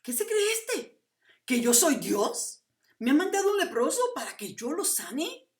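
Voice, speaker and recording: A woman preacher voicing an outraged male king who shouts indignant questions. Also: a little high, level tone, a little fast, roomy sound, far from the mic, lightly acted.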